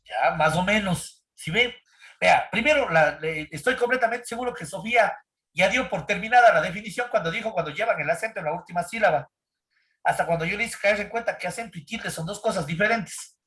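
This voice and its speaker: Guy teaching class over a video call, kinda high voice, keeps going "sí?" at students. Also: brisk, a bit bright. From Ecuador. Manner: keeps checking in with "¿sí?" and questioning students. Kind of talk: online grammar class.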